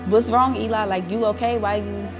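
A woman's voice: mid-range voice, steady tone, normal speed. A woman giving a reality show confessional, animatedly retelling a clash with quoted dialogue. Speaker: reality show cast member. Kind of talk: confessional interview. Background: music.

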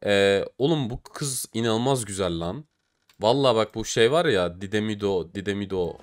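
A man with a Turkish accent doing casual, animated commentary while opening game cases, groaning and swearing at his losses. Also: on the low side, moderate pace. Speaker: gaming YouTuber.

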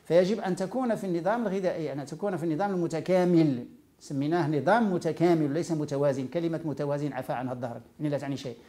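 A Moroccan man teaching about food and health at a very rapid clip. His voice is dark and mellow, and he explains by running through lists item after item. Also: on the high side. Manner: explains by listing items one after another. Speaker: nutrition educator. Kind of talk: informal health lecture.

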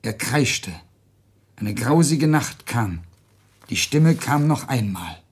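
Guy reading a novel out loud, slow and solemn, kinda husky. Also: mid-range voice, expressive. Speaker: narrator. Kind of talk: literary audiobook reading.

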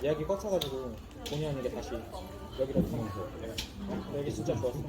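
A man's voice: medium pitch, fast, over a noisy crowd. A talkative young man chatting with other travelers at a guesthouse. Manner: talkative, animated. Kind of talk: casual chat.

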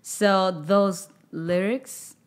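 This Japanese woman in her thirties, a guest singer, speaks English as a second language in a relaxed interview, soft-spoken and halting as she searches for words. Her mid-range voice is steady, clear and resonant. She's recorded through a boom-arm studio mic in a studio with records covering the wall.

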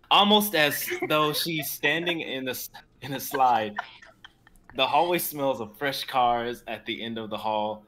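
A man in his twenties narrates a drama script's stage directions, occasionally stumbling over the words, in a bright, forceful, mid-range voice. The home video-call audio is low quality, with slight background noise.

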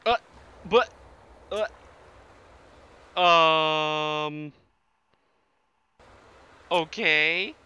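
A man giving casual live gameplay commentary, excitable and sweary, sometimes stammering. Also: a little high, extremely slow, pauses often, smooth, muffled recording. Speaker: live game streamer.

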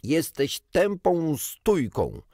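A man voicing an exhausted, irritable bird that speaks slowly, loudly and over-clearly. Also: mid-range voice, animated, dry recording, clean studio sound. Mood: angry. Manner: slow, loud, overly clear.

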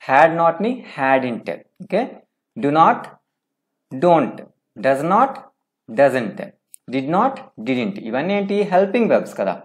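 A man teaching English grammar in a step-by-step lecture, reading out English forms slowly and often checking with "okay?". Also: mid-range voice, big pitch swings. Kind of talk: classroom lecture.

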